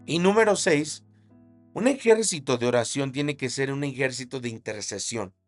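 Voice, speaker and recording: Male preacher, mid-pitched, animated storytelling sermon over faint music. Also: normal speed. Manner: dramatic storytelling preaching, shouted sound effects. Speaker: pastor.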